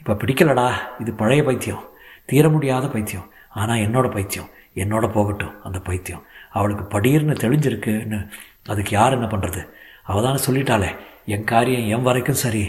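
A man's voice: medium pitch, moderate pace, natural voice. A man voicing a grieving, defiant old grandmother who pleads and scolds through tears.

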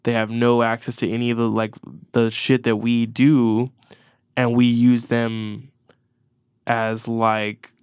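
Stuffed-up podcast guy rambling about records, cusses a lot, flat smooth voice. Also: medium pitch, takes it slowly, dry recording, studio quality. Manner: rambling, swears freely, many restarts. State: congested. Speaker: podcast co-host. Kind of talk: casual chat about music.

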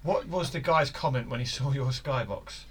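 A man's voice: mid-range voice, moderate pace, a crowd in the background. Dry sarcastic man in a rowdy group. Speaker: podcast panelist. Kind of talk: casual banter.

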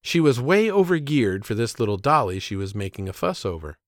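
A man recalls a story of his own in measured, plainspoken narration, his pitch rising and falling freely. The voice is recorded dry and close, with no room sound. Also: big pitch swings, no echo. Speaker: storyteller and father. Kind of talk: scripted narration of a personal story.

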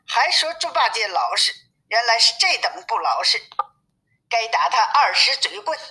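A woman's voice: fairly high pitch, very animated, normal speed, sharp tone. A woman voicing a brash, threatening male demon king from a storybook, blustering and commanding, with a tinny phone-like sound.

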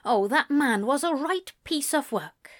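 A woman's voice: sits high, measured pace, no room sound, studio quality, pitched above the performer's own voice. A woman voicing a chatty, gossipy motherly cook. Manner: gossipy, lively and confiding.

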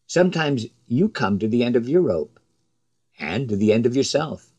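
A man preaching a sermon in a slow, measured way, his voice rising with emphasis on the quoted cries. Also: medium pitch, sing-song, darkish tone.

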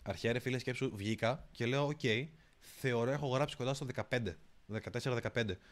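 A young man, a podcast guest, telling stories in a casual, slangy, animated way. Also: medium pitch. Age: young adult. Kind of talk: casual storytelling chat.

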